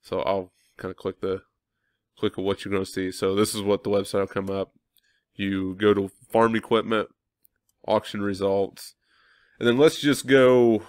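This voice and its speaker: A young Midwestern American farmer vlogger with a cold and stuffy nose casually walks viewers through his thinking, full of ums and self-corrections. His lowish voice is fairly even at a normal pace, recorded cleanly in a studio with no room sound.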